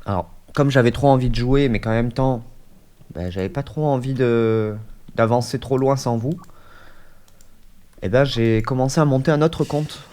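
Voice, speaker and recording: This gaming YouTuber has a head cold and sounds stuffy while casually commenting on a let's-play at his desk mic, hesitating and using lots of fillers. His mid-range voice has a dark tone and a moderate pace.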